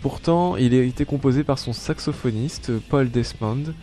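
A man's voice: medium pitch, moderate pace, dark tone, faint music behind. A man hosting a live radio show, chatting casually between songs with many hesitations and restarts. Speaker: web radio host.

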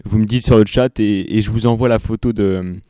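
A man hosts a radio show, talking casually and haltingly to his listeners. His voice is smooth, low and mellow. The sound is dry and close to the mic. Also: fairly even intonation, no echo. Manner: hesitant, full of fillers and restarts. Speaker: radio host. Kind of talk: casual on-air chat with listeners.

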